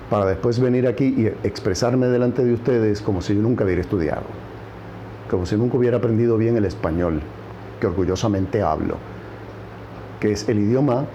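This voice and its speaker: A man's voice: lowish voice, warm tone, lo-fi sound, a little hiss or hum. A man with a Puerto Rican accent giving political commentary on a news program, stressing points by repeating words. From Puerto Rico.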